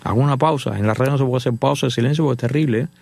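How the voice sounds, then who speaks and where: An older man from Cuba with a Cuban accent, a radio host telling a story in an animated, digressive way. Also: medium pitch, very fast, gravelly, no room sound.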